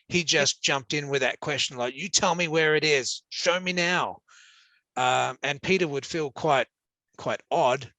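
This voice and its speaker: A man's voice: mid-range voice, sharp tone, no room sound. An Australian man teaching an interactive class, upbeat and joking as he hands out quiz points to encourage his students.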